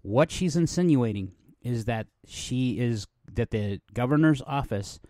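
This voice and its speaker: A man's voice: mid-range voice, lively intonation, unhurried, dark tone, no room sound, studio quality. A middle-aged man from New Mexico hosting a podcast, talking in a rambling, conversational way with many fillers and restarts. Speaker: podcast host. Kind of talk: casual podcast monologue.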